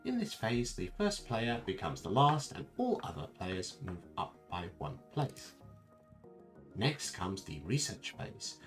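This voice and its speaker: A man voicing a creepy male computer narrator, reading out a game tutorial in a measured, announcing tone. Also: fairly low pitch, sing-song, faint music behind. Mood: flat, eerie.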